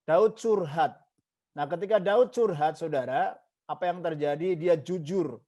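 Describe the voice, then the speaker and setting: A man's voice: fairly high pitch, a little slow, mellow. A man preaching a sermon as a pastor, emphatic, with repeated parallel phrases and English words mixed in. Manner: mixes English phrases into Indonesian, repeats "saudaraku" often.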